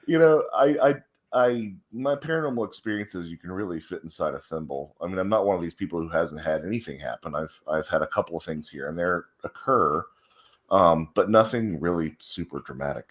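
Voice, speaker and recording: A man from the American South joins as a guest author over a video call. His voice is very deep yet swings widely in pitch. He talks in a wry, modest, animated way. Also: brisk.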